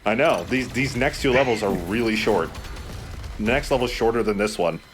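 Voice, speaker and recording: A man with a lowish voice hosts and plays a let's play at a moderate pace, chatting casually and explaining the game with dry sarcasm. This is relaxed gaming commentary, with soft background music and video game ambience behind him.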